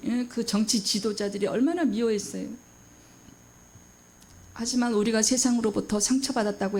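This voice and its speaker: A woman's voice: fairly high pitch, gravelly, dark tone. A middle-aged woman pastor preaching a sermon with emphasis, asking the congregation questions and acting out quoted voices.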